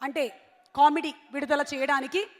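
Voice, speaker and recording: Woman, event anchor, very high voice, stage mic, long hall echo. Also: steady tone, normal speed. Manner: announcing, mixing in English. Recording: echoey hall over stage PA.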